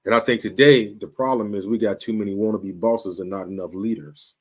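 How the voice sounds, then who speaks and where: A laid-back Chicago show host in his fifties talks casually to camera in street slang, often restarting and asking "you dig?" His voice is fairly low, steady, brisk and husky.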